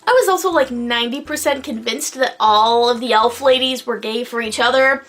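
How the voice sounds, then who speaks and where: High-pitched tipsy woman ranting casually. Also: fairly bright tone. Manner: tipsy, drunken rambling; exclamatory, emphatic, drawn-out stressed words. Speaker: vlogger reviewing a film. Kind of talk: casual, profane video review.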